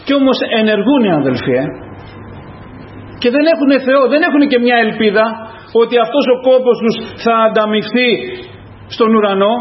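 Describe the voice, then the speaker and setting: High-voiced preaching man, echoey hall. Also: a little hiss or hum. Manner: fervent, repetitive calls to the congregation. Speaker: pastor. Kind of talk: sermon. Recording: echoey, dull lo-fi church recording.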